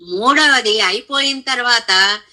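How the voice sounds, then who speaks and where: A woman's voice: fairly high pitch, slow, bright, forceful tone, low-quality recording. A middle-aged woman giving a devotional scripture discourse, explaining the text and chanting Sanskrit verses. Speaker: religious teacher.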